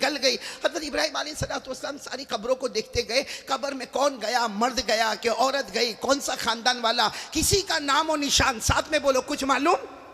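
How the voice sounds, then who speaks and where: A man's voice: very high voice, vocal fry, bright, forceful tone. A man preaching an emotional sermon in a sing-song, chanting style, calling on the crowd to answer him. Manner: calls on the crowd to repeat after him. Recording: long hall reverb.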